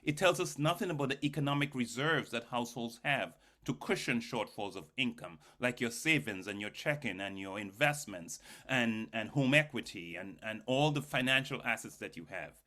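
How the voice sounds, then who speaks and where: A man giving an academic keynote talks at normal speed with hardly any pauses, his medium-pitched voice lively, pushed, and bright. He walks the audience through data emphatically, speaking to them directly and asking rhetorical questions before answering them.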